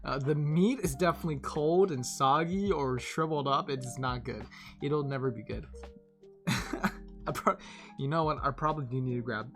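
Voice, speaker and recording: Low-voiced rambling woman streamer. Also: normal speed, soft background music. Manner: rambling, laughs often, swings from animated to tired and quiet. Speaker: live streamer. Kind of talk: casual chat with stream viewers.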